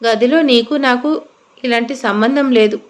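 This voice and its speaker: A woman voicing a sharp, sarcastic young wife in an audio story. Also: fairly high pitch, a little slow, natural voice. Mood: annoyed. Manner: scolding, sarcastic.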